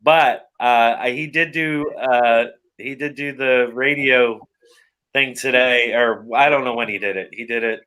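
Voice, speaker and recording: A man with a very bright, forceful voice at a middle pitch hosts a casual live chat. He talks in a chatty way with a teasing streak. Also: steady tone, a little slow, clean tone.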